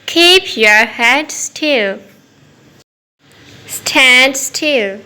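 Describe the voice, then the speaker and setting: A woman teaching simple English phrases to children, saying each one slowly and clearly twice. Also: high voice, expressive, bright, forceful tone, poor audio. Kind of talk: repeating phrases for learners.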